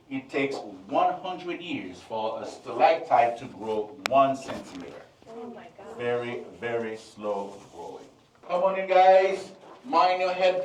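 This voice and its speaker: A man leads a cave tour in a slightly raised voice, joking with his group as he goes. The cave echo hangs on every line, and he sounds a little distant from a camera mic, with faint background noise. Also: a little high. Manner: joking, chatty. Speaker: tour guide. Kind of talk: guided cave tour talk. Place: inside a limestone cave.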